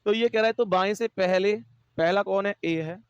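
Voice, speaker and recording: A man's voice: high voice, normal speed, clear, resonant tone, dry recording, dull audio. A male teacher with a Hindi accent giving an online exam-prep class, explaining step by step, repeating himself and counting aloud to his students. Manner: addresses students warmly as dear friends.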